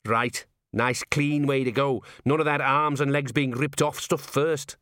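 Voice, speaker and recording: A man's voice: mid-range voice, steady tone, measured pace, a bit bright, pitched above the performer's own voice, natural voice. Guy voicing a tiny cocky gnome, chirpy, matter-of-fact, slightly raised voice, storybook. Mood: breezy. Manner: cheerful, matter-of-fact, laconic. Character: tiny, cocky male gnome rat catcher.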